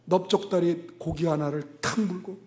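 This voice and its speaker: A middle-aged man preaching a sermon as pastor, telling a personal story with sudden loud bursts and asides to the congregation. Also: on the high side, steady tone, normal speed.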